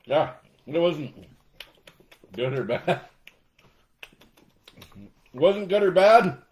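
A man co-hosting a casual snack taste-test chat, joking with quick asides and frequent laughs. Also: on the high side, animated, a little mellow. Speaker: co-host.

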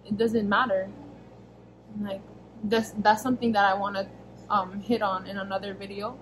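A young woman from the United States talks casually into a camera set close in front of her in a small bedroom. Her delivery wanders, with frequent fillers and quick self-corrections as she answers viewer questions. A steady background noise sits clearly under the voice. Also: medium pitch, rough recording. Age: young adult. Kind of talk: casual Q&A vlog. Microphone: camera at arm's length, face framed close.

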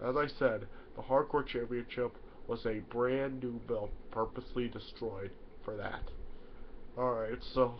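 Recorded on a webcam in front of him in a small bedroom, the sound is dull and lo-fi with a faint hiss. A young YouTuber, sniffly and stuffed up from a cold, rambles through a casual to-camera explainer with many "yeah" fillers and restarts. His mid-range voice stays steady at a measured pace.

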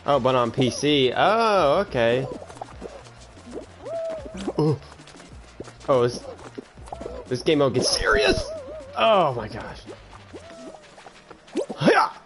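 Excitable teenage boy yelling at a game. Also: mid-range voice, slow, pauses often. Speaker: streamer. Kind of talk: live gaming stream commentary. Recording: game music behind the voice.

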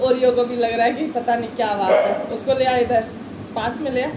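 Middle-aged woman vlogger, slightly high voice, chatty with easy laughs, filmed on a handheld phone with room echo and audible background noise. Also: steady tone, fairly quick. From Uttar Pradesh, India. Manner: chatty, laughs often, talks to family and pet. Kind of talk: casual daily vlog. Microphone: handheld phone camera.

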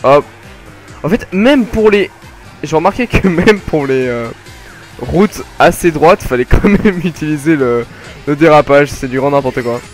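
A young man casually commenting his kart race, joking and rambling with sudden excited outbursts. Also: on the high side, a little slow, faint music behind. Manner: jokey, rambling, self-mocking, bursts of excited yelling. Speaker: gaming commentator. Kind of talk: casual let's play commentary.

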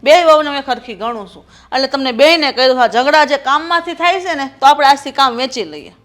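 An actress playing a mother-in-law who scolds and tries to calm her two quarrelling daughters-in-law. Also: sits high, fast. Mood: exasperated. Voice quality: scolding, exasperated. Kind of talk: village family drama acting.

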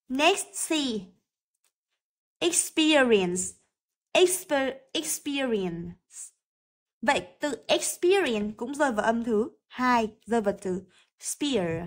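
A Vietnamese-accented woman explains English exercises in a high voice. She speaks slowly and carefully and repeats each word to model its pronunciation. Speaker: English teacher.

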